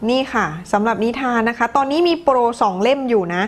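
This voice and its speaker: A woman's voice: on the high side, quick pace. A woman teacher with a Thai accent reads viewer comments during a live English lesson, chatty and laughing, moving between two languages.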